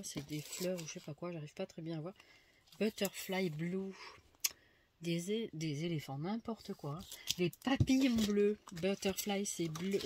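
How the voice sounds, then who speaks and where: A woman's voice: fairly low pitch, a little hiss or hum. Chatty woman unboxing amid crinkling packaging. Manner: chatty and hesitant, thinks aloud with many fillers. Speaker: craft vlogger showing a haul. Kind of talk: casual unboxing commentary. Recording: loud crinkling of packaging and clicks.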